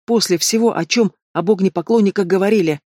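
A man's voice: sits high, fast talker, darkish tone, dry recording, studio quality. A man reading an audiobook voices a young noble brother who is reproachful and evasive toward his sister. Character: young noble brother, loyal to family, awkward.

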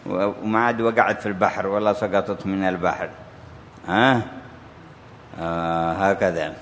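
A man's voice: deep voice, steady tone, normal speed, fairly bright tone, slight background noise. A man teaching a religious text, telling stories and acting out the quoted voices. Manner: storytelling with quoted voices, rising and falling emphasis. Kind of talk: sermon-style commentary on a classical text. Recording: echoey hall with faint ambience.

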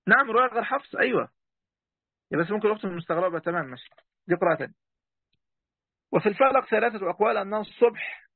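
Egyptian male sheikh, high-voiced and quick, chatty online lesson, phone-thin sound. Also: dry recording, phone-quality sound. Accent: Egyptian Arabic. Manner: chatty, talks straight to his students, breaks off mid-word. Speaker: sheikh teaching a class. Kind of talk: online lesson, reading a text aloud and explaining it.

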